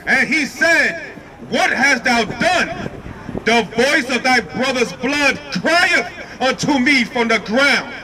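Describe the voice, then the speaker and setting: A man reading scripture aloud outdoors at a street preaching, measured and formal. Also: extremely high pitch, animated. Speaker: scripture reader. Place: outdoors on a city street at night. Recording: noisy street crowd.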